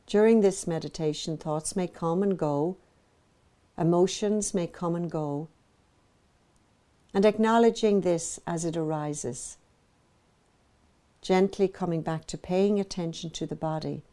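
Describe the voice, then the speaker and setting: Leading a guided meditation, a woman teacher uses a soft, very mellow voice that is a little low for a woman. She speaks gently and evenly, separating her phrases with soothing pauses.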